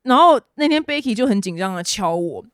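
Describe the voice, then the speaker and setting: A woman's voice: mid-range voice, animated, fairly quick, smooth, dry recording, clean studio sound. A woman hosting a casual news podcast, chatty and exasperated, ranting with sarcastic asides. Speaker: podcast host.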